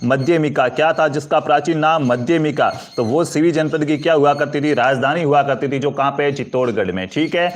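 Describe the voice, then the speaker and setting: A man's voice: on the high side, fairly quick, hardly any pauses. A man teaching an exam-prep history lesson, asking questions and answering them himself while calling his students friends. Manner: addresses students as friends, asks for comments and likes.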